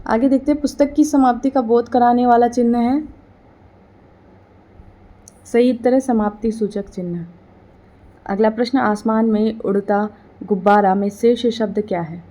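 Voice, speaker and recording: A woman presenting an exam-preparation quiz, reading each question and then its answer in a steady, formulaic delivery. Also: a little high, measured pace, long pauses.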